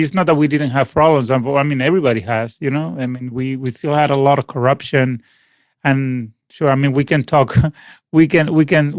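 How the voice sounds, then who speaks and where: A man with a medium-pitched voice, recorded dry, is a Venezuelan guest musician in his late forties whose first language is Spanish. During a casual interview over a call, he answers in a rambling way with many fillers and restarts.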